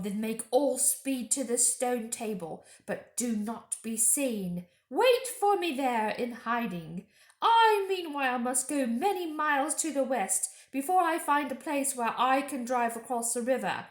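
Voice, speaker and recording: A woman's voice: sits high, pitched above the performer's own voice. A woman voicing a cruel, imperious witch queen from a storybook, haughty and commanding. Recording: roomy home echo.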